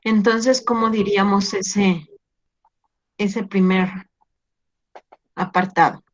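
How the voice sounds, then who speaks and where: Woman teacher, slow and patient, teasing, dull video-call audio. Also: medium pitch, fairly even intonation. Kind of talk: online class exam review.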